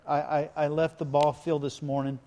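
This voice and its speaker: A man's voice: a little high, level tone, normal speed, dark tone. A man preaching a sermon, telling stories that build to emphatic points. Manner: storytelling, rising to emphatic. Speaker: pastor. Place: church sanctuary. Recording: echoey church hall with faint music.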